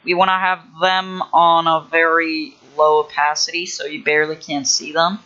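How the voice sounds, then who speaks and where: A man's voice: on the high side, level tone, moderate pace, pushed and bright, clear, resonant tone, lo-fi sound. A young man livestreaming as he builds a game level, rambling casually with lots of fillers and restarts. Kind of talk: casual thinking-aloud livestream.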